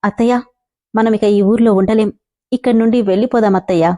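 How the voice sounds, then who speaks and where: A woman's voice: fairly high pitch, fairly even intonation, fast talker, mellow, close to an everyday voice. A woman voicing a grieving, devoted mother in a spoken story, talking in a tender, pleading way.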